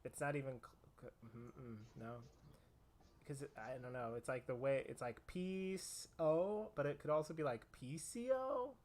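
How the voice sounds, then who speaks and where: A man's voice: fairly high pitch, unhurried. A man reading stage directions aloud in a casual script read-through, joking and laughing as he goes. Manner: joking, playful, lots of laughing asides. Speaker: script reader.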